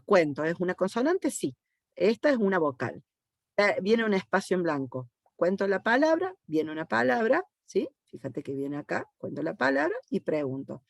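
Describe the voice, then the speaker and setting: A woman's voice: deep voice, no echo, clean studio sound. Patient Argentine woman teaching code. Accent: Argentine Spanish. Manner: patient, checks understanding with frequent "¿sí?". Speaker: university teacher. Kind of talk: explaining code step by step to students.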